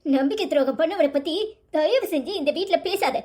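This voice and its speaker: A woman's voice: high-pitched, brisk, mellow, lightly acted. A woman voicing a hurt but firm young woman student in a cartoon, exasperated, with a Tirunelveli Tamil accent.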